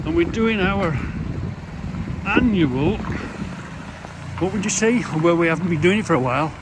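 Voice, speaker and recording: This vlogger's voice is high-pitched and animated, at a normal speed, as he chats casually, wanders off-topic, repeats himself and poses questions to viewers. Filmed on a city street and in a crowded theatre auditorium, the clip carries background noise of music and people talking.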